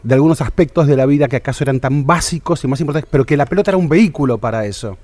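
A man's voice: medium pitch, darkish tone, no room sound. Man, interviewer, thoughtful, hesitant, dry close sound. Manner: measured, hesitant, many fillers. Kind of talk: reflective interview questions.

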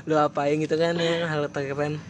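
A man's voice: a little high, flat delivery, normal speed, crowd noise. Teasing young man with Jakarta slang. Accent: Jakarta slang Indonesian. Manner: teasing, laughing, swears often. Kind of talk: casual chat.

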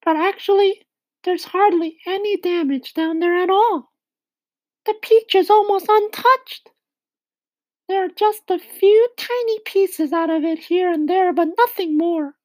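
A man voicing Miss Spider, a prim and polite female spider, in a very high, genteel voice. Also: fairly even intonation, unhurried, darkish tone, no echo, rough recording.

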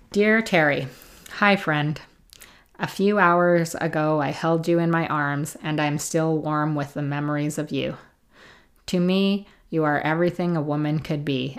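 Lady with a low voice reading valentine letters on her podcast, soft and chatty. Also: fairly even intonation, unhurried. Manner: reads gently, laughs easily, chatty asides. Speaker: host reading listener letters. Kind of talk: casual read-aloud podcast.

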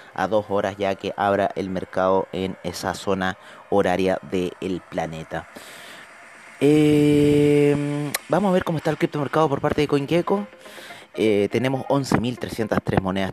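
Deep-voiced man doing live market commentary. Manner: conversational, fillers, rhetorical asides to viewers. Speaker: crypto market show host. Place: studio with trading screens, indoors.

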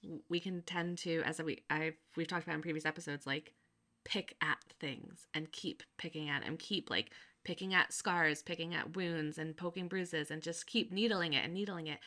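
A woman in her thirties talks through her thoughts in a relaxed podcast chat. Her voice has a bright, clear edge, and she thinks aloud with plenty of fillers and easy laughter. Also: sits low, moderate pace. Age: 30s. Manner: reflective, laughs often, many fillers. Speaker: podcast co-host. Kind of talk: casual chat.

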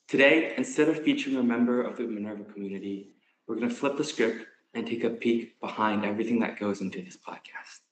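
A man's voice: mid-range voice, slight background noise. Young Canadian man hosting, roomy echo. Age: young adult. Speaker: podcast co-founder and host. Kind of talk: casual podcast hosting.

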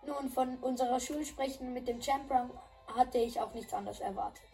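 A woman's voice: sits high, moderate pace, gravelly, mellow, soft background music. A woman reading a polite male school principal. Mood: formal. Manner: polite, formal, slightly stumbling. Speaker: voicing a game character. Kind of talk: dubbing game dialogue.

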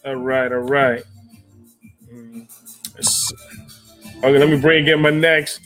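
A man's voice: medium pitch, fairly even intonation, slow pace. A man hosting a live stream show in a casual, laid-back way, greeting viewers by name and using easy slang. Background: jazz music playing softly.

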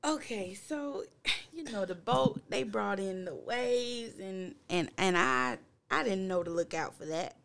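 A woman in her early twenties chatting casually on a podcast, lively and laughing as she tells stories. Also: medium pitch, a little slow, vocal fry. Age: 20s.

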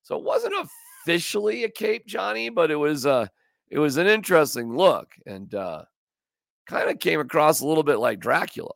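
A man with a fairly high, gravelly voice chats loosely about sports as the host of a podcast. His pitch swings all over as he jokes and rambles. The sound is close and dry, with no room to it. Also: sing-song, normal speed, no echo. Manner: joking, rambling, does silly voices. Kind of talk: casual sports chat.

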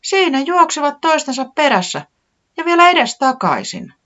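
A storybook reader voicing a small sick chick who frets and exclaims in a high voice. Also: highs cut off, exaggerated voice. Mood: excited. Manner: high, excited and complaining. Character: small sick worried chick, easily upset.

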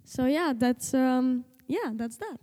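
Her voice sits high and animated, slow, with a dark tone and a long reverb tail. She's a native Slovenian teenager, the host's daughter, appearing as a guest and talking casually but hesitantly, full of fillers and restarts.

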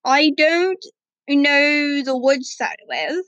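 A woman's voice: high-pitched, very slow, a bit bright, no room sound, heavily acted. A woman voicing a shy, polite young female winged-wolf princess. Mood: sheepish. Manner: polite, sheepish.

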